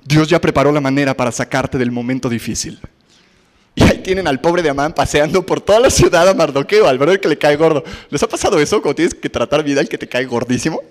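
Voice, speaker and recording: A man's voice: a little high, expressive, fast, long reverb tail. A man with a Mexican Spanish accent preaching a sermon, retelling a Bible story in a chatty way and asking the audience questions.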